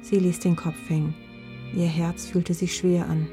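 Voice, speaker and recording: A woman narrating a children's story in a gentle, measured way. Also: lowish voice, level tone, over music.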